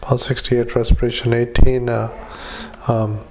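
A man dictating a patient note into a dictaphone, halting with many fillers and reading out punctuation and paragraph breaks. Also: mid-range voice, little pitch movement, a little mellow. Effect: dictaphone recording. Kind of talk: medical dictation into a recorder.

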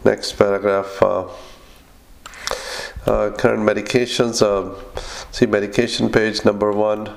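A man dictating clinical notes in halting, clipped phrases, speaking punctuation and formatting commands aloud as a clinician. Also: lowish voice, level tone, vocal fry.

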